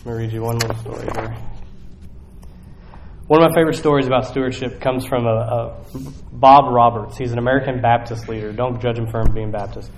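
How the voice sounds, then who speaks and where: A man gives a sermon in a loose, conversational way. He keeps turning to his congregation with quick check-ins. His voice rings through a very echoey church hall over faint background noise. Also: medium pitch, steady tone. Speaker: pastor. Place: church sanctuary.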